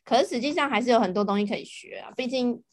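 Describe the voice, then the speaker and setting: Female podcast voice, Taiwanese accent, on the high side, casual, very dry sound. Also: quick pace, no echo. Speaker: podcast speaker. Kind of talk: casual chat.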